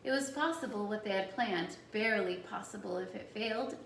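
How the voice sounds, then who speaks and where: A woman's voice: medium pitch, creaky, far from the mic, slight background noise. Woman reading a novel in an echoey room. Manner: steady, measured narration. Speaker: audiobook reader.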